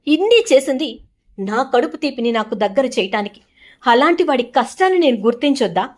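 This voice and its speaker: A woman's voice: sits high, big pitch swings, brisk, darkish tone. A woman playing a stern scolding mother. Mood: firm. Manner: scolding, cutting, emphatic. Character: stern middle-aged mother, reproachful and firm.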